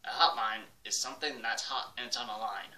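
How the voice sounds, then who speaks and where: A man's voice: mid-range voice, brisk, pushed and bright. A teenage guy doing Bobby, a dopey puppet monster. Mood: dim, cheerful. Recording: noisy, echoey room, distant webcam mic.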